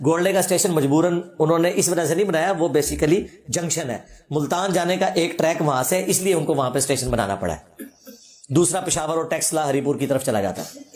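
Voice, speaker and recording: Religious scholar, male, high voice, sarcastic debunking tone, roomy echo. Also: darkish tone. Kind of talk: reaction lecture.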